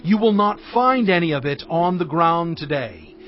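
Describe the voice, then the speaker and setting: An actor playing Moses as a stern, commanding leader in a solemn, declamatory dramatized scripture reading. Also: male voice, on the high side, expressive, normal speed, close to an everyday voice. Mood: firm, instructing. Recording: dull band-limited audio with music.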